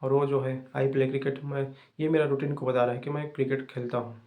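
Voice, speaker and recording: A young man hosting an English-learning channel, giving fast, repetitive, casual advice to viewers. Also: mid-range voice, flat delivery, narrow, tinny audio.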